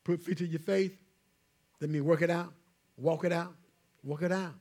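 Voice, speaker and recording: A man, a pastor preaching a sermon in church, swinging between loud calls to the congregation and hushed asides. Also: fairly high pitch, fairly even intonation, normal speed.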